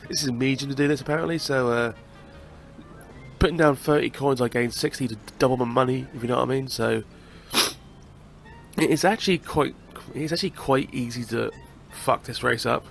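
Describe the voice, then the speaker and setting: A young British man with a cold and stuffy nose hosts a casual let's-play, chatty and now and then swearing. His mid-range voice is creaky and fairly quick, with soft background music.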